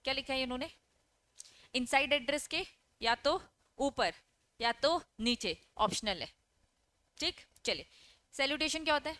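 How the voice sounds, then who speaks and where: A high-pitched, expressive woman with a pushed, bright voice talks at normal speed with long pauses, and there's no echo. In her online exam-prep lecture she reads English lines from the text, explains them, questions her students and answers herself, frequently adding "okay?".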